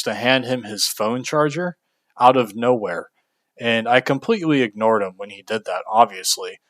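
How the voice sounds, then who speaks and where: A man's voice: mid-range voice, fairly bright tone, no room sound. A young man from Kentucky telling a frank, casual story about a bad job, venting with fillers and the odd curse. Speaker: video host.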